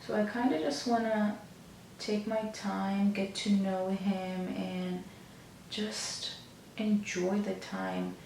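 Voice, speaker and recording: A young woman chatting casually in a monotone, low-key way, like a get-ready-with-me beauty vlogger. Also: takes it slowly, creaky, far from the mic. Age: young adult. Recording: echoey room, off mic, faint noise.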